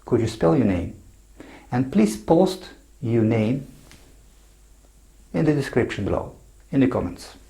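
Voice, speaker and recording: A man teaching a language lesson, slowly spelling words out letter by letter. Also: medium pitch, big pitch swings, gravelly, mellow. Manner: slow, emphatic, spells letters out one by one.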